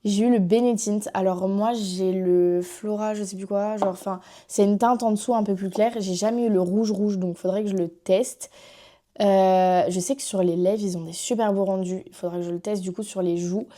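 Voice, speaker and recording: Chatty young Frenchwoman with a mellow voice. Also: mid-range voice, fairly even intonation, normal speed. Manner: chatty, rambling with many fillers. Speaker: vlogger. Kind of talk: casual makeup haul chat.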